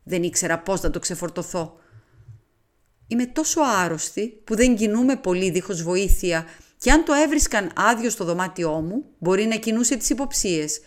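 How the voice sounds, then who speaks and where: A woman's voice: medium pitch, lively intonation, close to an everyday voice. A woman reading aloud, voicing a dying elderly French noblewoman who speaks firmly and with dignity. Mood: solemn. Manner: firm, dignified confession.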